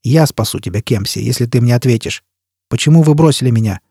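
A man's voice: mid-range voice, animated, fast, mellow, slightly rough, dry recording, studio quality. A man voicing a cold, vengeful male interrogator with harsh, clipped commands. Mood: cold menace.

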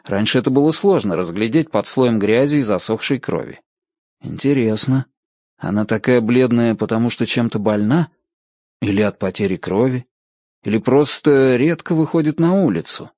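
A man narrating an audiobook in an expressive, animated reading style. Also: medium pitch, normal speed, dry recording, studio quality.

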